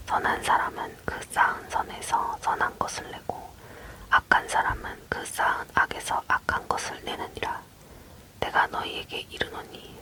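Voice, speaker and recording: A person leaning in to whisper a Bible reading in a breathy, unvoiced ASMR voice, close to the microphone. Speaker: Bible reader.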